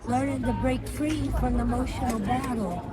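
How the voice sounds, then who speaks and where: Outdoors in a public square, a woman in her fifties works as a psychic card reader, giving readings in short, declarative statements. Her voice is fairly high and her pace moderate.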